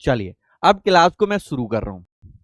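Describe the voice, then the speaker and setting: A man's voice: a little high, very animated, moderate pace, fairly bright tone, no echo. A male chemistry teacher giving a live online class lecture. He asks questions, answers them himself, and calls the students by pet names. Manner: affectionate, calls students beta and babu.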